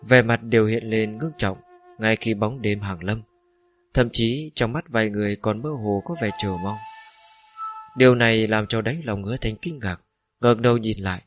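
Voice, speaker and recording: A man narrating a fantasy novel as a steady, even audiobook reading. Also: fairly low pitch, dry recording.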